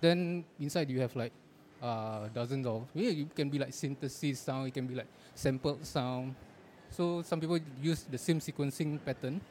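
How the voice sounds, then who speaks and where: A man's voice: medium pitch, moderate pace, darkish tone. A man with a Singaporean accent chatting casually, using colloquial clipped grammar and Singlish particles. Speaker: podcast co-speaker on beat making. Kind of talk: casual chat. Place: out and about in a public place. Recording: noisy ambience of a public place.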